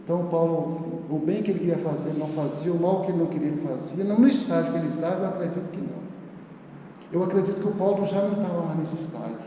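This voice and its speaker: A man's voice: fairly high pitch, very fast, mellow, slight background noise. A Brazilian man in his fifties giving an earnest spiritual lecture, repeating words for emphasis. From southern Bahia, Brazil. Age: 50s. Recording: echoey hall with long reverb.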